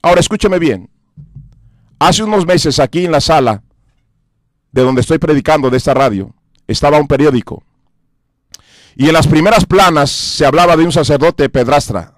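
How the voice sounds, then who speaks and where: A man's voice: fairly high pitch, normal speed, long pauses, no echo. A Mexican man and pastor giving an earnest radio sermon, repeating and listing his points with emphasis. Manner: earnest, repetitive preaching with emphatic lists. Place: radio studio.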